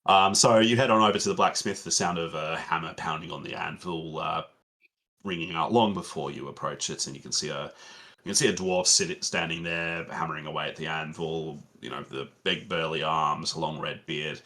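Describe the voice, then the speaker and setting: A man narrating a tabletop game as game master in a relaxed, meandering way with many fillers. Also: a bass voice, normal speed.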